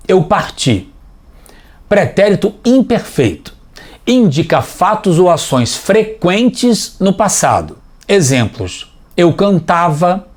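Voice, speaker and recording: A man leads a scripted children's lesson as the teacher. He speaks slowly and patiently in a fairly high voice. His pitch rises and falls a lot as he explains each point. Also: a little mellow. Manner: clear, patient, explaining step by step.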